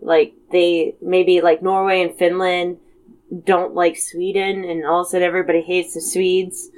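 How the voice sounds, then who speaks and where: A woman's voice: fairly low pitch, little pitch movement, moderate pace, darkish tone. A woman from the United States in a casual brainstorming chat, rambling with lots of fillers and frequent giggles.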